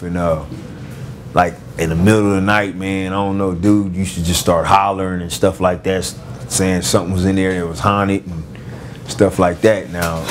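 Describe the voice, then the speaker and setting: A man with a very low voice tells his story in a relaxed, casual way, with a Los Angeles street-slang accent. He stumbles through it with many fillers, restarts and repeated words. A faint hiss sits under his voice. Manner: halting, full of fillers and restarts. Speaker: former gang member telling his story.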